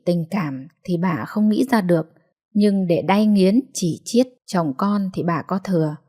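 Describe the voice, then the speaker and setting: Woman reading a story aloud. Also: lowish voice. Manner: steady, measured storytelling. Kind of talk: scripted narration.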